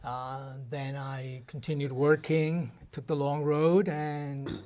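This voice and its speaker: A man from Colombia, a newly elected trustee, answering TV interview questions in a hesitant, halting way. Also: on the high side, level tone, a little mellow.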